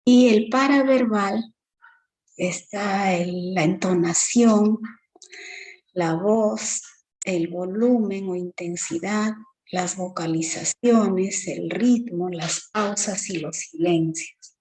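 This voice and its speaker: A woman teacher giving an exam-prep lecture, explaining slowly with many fillers and tag questions. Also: medium pitch, darkish tone, low-quality recording.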